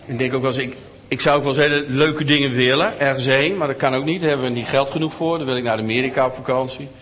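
A middle-aged man telling a Bible story to children, animated and often asking them questions. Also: mid-range voice, fast.

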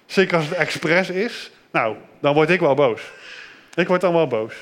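Guy doing a kids sermon, kinda high voice, gentle, keeps asking the kids stuff. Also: lively intonation, unhurried. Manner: asks children questions, gentle and simple. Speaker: children's pastor. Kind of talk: children's sermon.

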